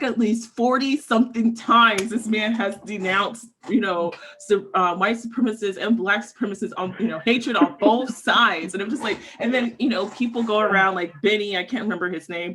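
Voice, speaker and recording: A woman's voice: mid-range voice, steady tone, normal speed, hardly any pauses, fairly bright tone. A woman co-hosting a casual political chat podcast. She talks in a chatty, blunt way, laughs often and fills her sentences with "you know.". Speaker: podcast co-host.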